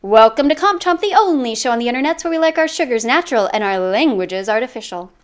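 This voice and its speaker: A woman's voice: on the high side, lively intonation, fast, slight background noise. A woman hosting an educational video series, narrating a scripted explainer with playful, punchy, self-mocking asides.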